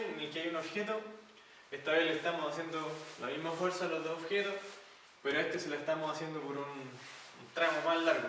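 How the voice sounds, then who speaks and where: Casual physics tutor, male, slightly high voice, thinks out loud, recorded far from the mic in a very echoey room with faint hiss. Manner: thinks aloud with fillers and rhetorical questions. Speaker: physics teacher. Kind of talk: casual explanatory lesson.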